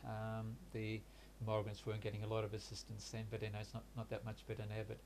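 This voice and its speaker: This interviewee, a man in his 60s born in Hungary and raised in Australia, first language Hungarian, reflects on his life story. His lowish, flat, even voice carries vocal fry, and he speaks haltingly with many pauses and restarts. Slight background noise is present.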